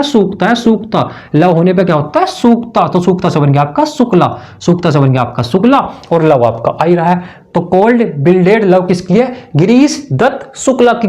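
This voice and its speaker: A man's voice: high-pitched, darkish tone. A man, teaching exam memory tricks in a chummy way. He asks his own questions, answers them himself and keeps repeating the key words.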